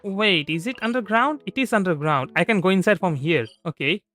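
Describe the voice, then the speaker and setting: Speaking fairly quickly in an animated, high-sitting voice, a man chats casually through a game livestream with soft music behind him. He rambles and frequently starts his phrases over.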